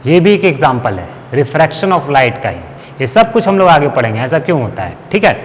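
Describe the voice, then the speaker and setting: High-voiced man teaching physics. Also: very animated, moderate pace, in a large hall, slight background noise. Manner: explains step by step, asking and answering his own questions. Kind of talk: classroom lecture.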